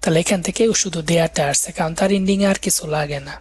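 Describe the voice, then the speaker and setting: A male language instructor giving a live grammar lesson, explaining step by step, repeating key words and slowing down to break words into syllables. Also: fairly high pitch, fairly even intonation, breathy edge, no echo.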